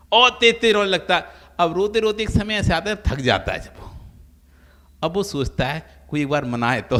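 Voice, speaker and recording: Bright-voiced monk preaching in a reverberant hall. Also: male voice, on the high side. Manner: storytelling with acted-out quoted voices. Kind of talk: sermon.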